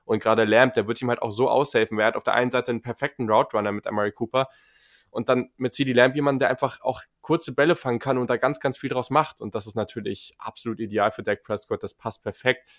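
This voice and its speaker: A man's voice: medium pitch, fairly even intonation, fast talker. A man talking casually and enthusiastically as a panelist on a sports podcast, with frequent fillers.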